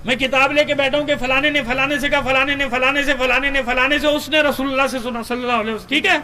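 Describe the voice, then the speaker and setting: Man, Pakistani Urdu accent, sermon, rhetorical questions to the crowd, high-pitched, sharp tone. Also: fairly even intonation. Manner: rhetorical, asks the audience questions, chants Arabic slowly. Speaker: Shia cleric. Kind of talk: majlis sermon with hadith reading.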